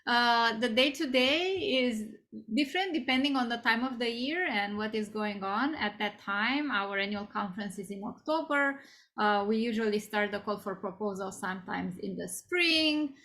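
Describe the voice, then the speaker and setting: Interview guest: woman, 40s, high bright voice, chatty with many ums. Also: normal speed. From Romania. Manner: conversational, many fillers and restarts. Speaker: guest speaker. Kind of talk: career interview.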